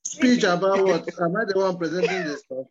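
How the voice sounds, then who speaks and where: A man's voice: high voice, fairly quick, a crowd in the background. A man with a Nigerian accent gives an informal, hesitant, joking off-the-cuff speech over an online call. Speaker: class association president. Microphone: online video call. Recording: muffled online call audio.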